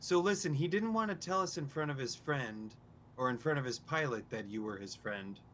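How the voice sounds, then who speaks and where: A man's voice: medium pitch, normal speed, a bit bright, a little hiss or hum. A man playing a tabletop game, talking easily and persuasively. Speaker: player. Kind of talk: casual tabletop game chat.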